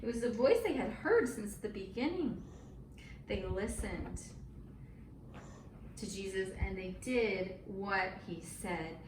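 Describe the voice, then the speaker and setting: A woman teaching kids a Bible story speaks slowly and animatedly at medium pitch, leaving long pauses, with simple, encouraging words and dramatic emphasis as she chats. The audio is roomy, faintly noisy, and recorded on a distant mic.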